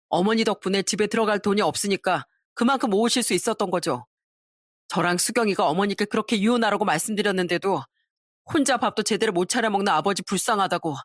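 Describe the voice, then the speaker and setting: A woman's voice: medium pitch, no room sound, clean studio sound, lightly acted. A woman voicing a grown son earnestly reproaching his father.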